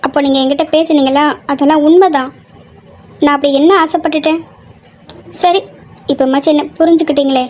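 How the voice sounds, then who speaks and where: A woman's voice: high voice, steady tone, fairly quick, pauses often, darkish tone, close to an everyday voice. A young woman voicing a sensitive, stubborn young woman in love in an audio drama, talking in a pouting, emotional way. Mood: tender. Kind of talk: amateur audio drama acting.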